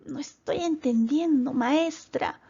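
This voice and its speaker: A woman's voice: high voice, takes it slowly, gravelly, warm tone, highs cut off, full character voice. A woman voicing a curious young pupil who politely asks the teacher questions.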